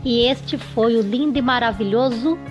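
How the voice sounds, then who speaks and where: A woman's voice: fairly high pitch, moderate pace. A woman casually telling a children's story off the cuff, with lots of fillers and restarts, faint music behind. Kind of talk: improvised children's story narration.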